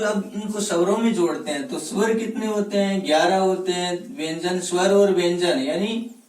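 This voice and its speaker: A man teaching Hindi grammar in a classroom-style lecture. He asks questions and answers them himself, and he sounds out letters slowly one at a time. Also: high-pitched, darkish tone. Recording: echoey room, voice from a distance.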